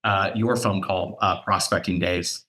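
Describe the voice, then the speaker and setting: A man with a slightly low but bright, forceful voice tells sales stories in a relaxed conversation. He gets animated, jumping his pitch up when he acts out what people said. The talk is loose and unscripted, full of fillers and restarts. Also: a little slow. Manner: animated storyteller, voice jumps up for quoted dialogue. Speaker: real estate broker and podcast co-host. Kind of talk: casual storytelling chat.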